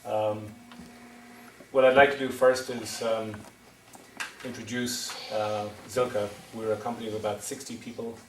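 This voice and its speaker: A middle-aged man from County Wexford, Ireland, working as a wind energy developer, presents at a town meeting in a fairly low, level, unhurried voice, faltering with ums and restarts. There's a little hiss or hum, and the echoey hall is recorded from far off.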